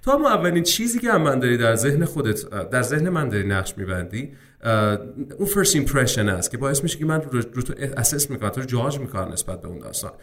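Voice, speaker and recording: Lively man teaching exam tips. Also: mid-range voice. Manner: lively, addresses viewers as friends, mixes English terms into Persian. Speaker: English speaking-exam teacher. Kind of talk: casual exam-prep lesson.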